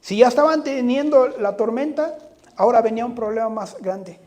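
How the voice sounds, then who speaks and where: A man's voice: very high-pitched, normal speed, a little mellow. A man preaching a sermon, speaking earnestly, often putting rhetorical questions to the congregation and addressing them directly.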